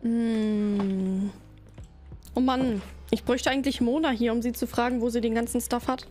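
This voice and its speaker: A woman's voice: a little high, fairly even intonation, moderate pace, warm tone, soft background music. A woman streaming a game, chatting playfully with her viewers while she plays. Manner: playful, chatty, talks to chat while playing. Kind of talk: casual gaming livestream chat.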